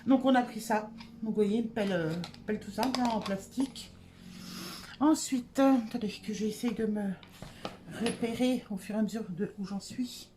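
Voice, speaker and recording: Speaking at a moderate pace in a fairly high voice, this adult woman vlogger talks through a product haul at home. She hesitates often, and the background is noisy.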